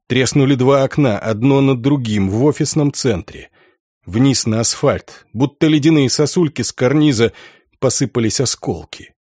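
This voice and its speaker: A man narrates literary fiction in a measured, expressive voice at a medium pitch. The recording is dry and close, with no room sound. It sounds like a studio audiobook. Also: no room sound.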